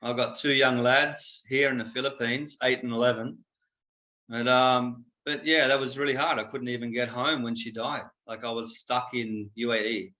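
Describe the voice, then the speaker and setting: A man's voice: medium pitch, steady tone, normal speed, pushed and bright. A man with an Australian accent talking bluntly and casually as a guest on a video-call interview, with plenty of "mate" and "you know".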